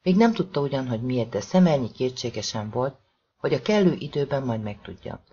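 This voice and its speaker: A man's voice: medium pitch, lively intonation, warm tone, breathy edge, dull audio. A man narrating a suspenseful novel in a dramatic audiobook reading.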